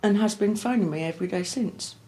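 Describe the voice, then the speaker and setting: A woman's voice: medium pitch, a little fast, warm tone. A woman in a candid documentary interview, bluntly retelling a breakup, swearing and acting out what was said. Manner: blunt, swearing, acts out quoted exchanges. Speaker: documentary subject.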